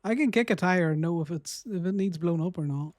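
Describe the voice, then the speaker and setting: A man's voice: high voice, a little fast, background noise. Teasing Irish man in gaming banter. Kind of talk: casual gaming chat.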